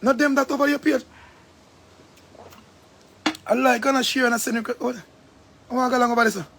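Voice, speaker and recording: A man with a Jamaican accent hosting a live stream, talking in a rambling, profane, animated way. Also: extremely high pitch, brisk, vocal fry, noisy background. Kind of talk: casual live-stream rant.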